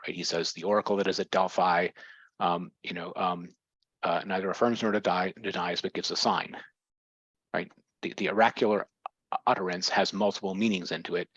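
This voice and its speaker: A man's voice: sits low, breathy edge, no room sound. A man leading an informal seminar discussion over a video call, explaining as he thinks aloud with frequent fillers. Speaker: discussion leader. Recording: dull lo-fi video call audio.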